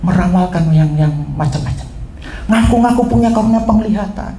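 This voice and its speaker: Male pastor. High, mellow voice, echoey church sound. Preaches with sudden rises and drops. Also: fairly quick. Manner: swings from low asides to high emphatic outbursts. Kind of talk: sermon. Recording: echoey church hall, faint room noise.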